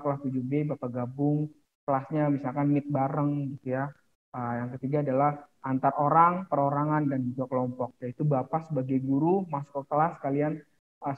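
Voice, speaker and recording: A male teacher explaining a lesson to his class in a casual way, full of fillers and little asides, sometimes acting out short quoted lines. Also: medium pitch. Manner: casual, many fillers and "gitu ya". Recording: tinny phone-like sound.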